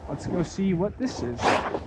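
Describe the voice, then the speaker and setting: A man's voice: high-pitched, measured pace. Man, 30s, ski vlogger thinking aloud on the slopes, dry humor, outdoor action-cam sound with heavy wind. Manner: wry, relaxed, thinking aloud. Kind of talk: casual running commentary while skiing. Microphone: helmet or action camera mic, selfie framing on lift. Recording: loud wind and ski noise.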